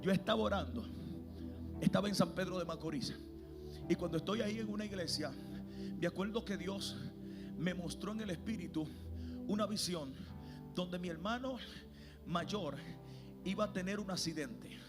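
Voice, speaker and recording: A male evangelist preaching an impassioned sermon to a church congregation, swinging between hushed and shouted delivery. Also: high-pitched, normal speed, pauses often, over loud music.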